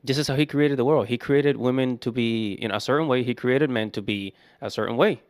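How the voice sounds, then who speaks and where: An opinionated man in his thirties reacts in casual commentary. He leans on repetition to hammer his points, at a middle pitch. The sound is close and dry. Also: a little fast, darkish tone, no room sound. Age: 30s.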